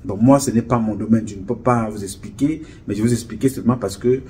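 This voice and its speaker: A man from Cameroon, speaking straight to camera to his supporters in a solemn, measured, rhetorical way, repeating and listing words for weight. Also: on the low side, mellow, slight background noise. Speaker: association spokesman addressing followers. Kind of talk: direct-to-camera address. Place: indoor studio with camera crew.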